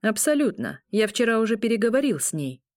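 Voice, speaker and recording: A woman's voice: fairly high pitch, sing-song, fairly quick, no echo, clean studio sound, voice pushed up. A woman voicing a stern, tight-lipped older man who is the pack's Alpha and speaks in clipped replies. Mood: curt. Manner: curt, clipped.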